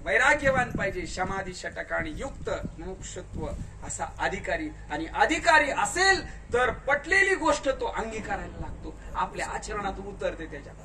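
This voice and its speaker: Man, very high bright voice, spiritual discourse, quizzes the crowd, distant mic, faint hiss. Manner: questions the audience and urges them to answer louder. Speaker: kirtankar preacher. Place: large tent at a gathering.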